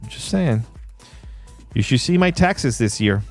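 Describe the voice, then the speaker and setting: A man hosting a casual livestream, playful and laughing often while he reads chat shout-outs. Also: mid-range voice, expressive, measured pace, soft background music. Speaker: livestream host. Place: in Puerto Rico.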